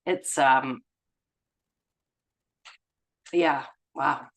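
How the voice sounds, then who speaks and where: Her voice rumbles low, and she draws out her words as she reads aloud to a study group she leads. She adds casual personal remarks that are musing and effusive.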